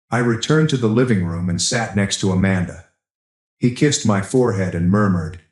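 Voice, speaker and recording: Man, low voice, calm even storytelling narration, echoey room. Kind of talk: scripted story narration for sleep.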